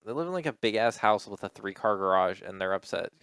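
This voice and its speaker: A man's voice: on the low side, lively intonation, fast, gravelly, fairly bright tone, slight background noise. A man co-hosting a podcast, telling a rambling story in casual chat, acting out quotes and swearing freely. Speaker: podcast co-host.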